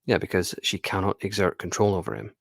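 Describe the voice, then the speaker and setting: Gravelly low-voiced man, blunt reaction talk. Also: very animated, fast talker, a bit bright, dry recording, studio quality. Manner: blunt, swears, laughs, confident claims. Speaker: commentator reacting to a reality show. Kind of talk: casual reaction commentary.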